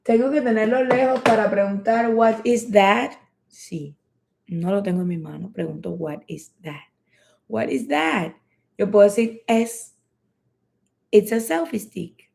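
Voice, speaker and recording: A woman teaching English in a lesson, slowly repeating phrases for learners to practice. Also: mid-range voice, gravelly, a little mellow. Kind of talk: bilingual language lesson.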